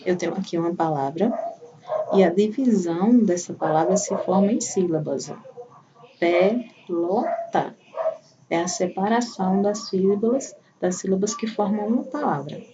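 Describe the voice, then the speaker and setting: A woman's voice: medium pitch, normal speed, muffled recording. A woman teacher giving a patient primary school lesson, walking through examples one by one. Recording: voice a bit far from the mic, faint room noise.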